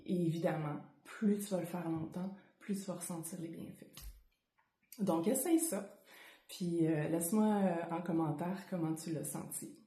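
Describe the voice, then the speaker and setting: A woman with a Quebec French accent teaching yoga breathing informally, speaking unscripted with frequent hesitant pauses. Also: lowish voice, warm tone. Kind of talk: informal guided breathing lesson to camera. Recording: roomy, echoing indoor sound.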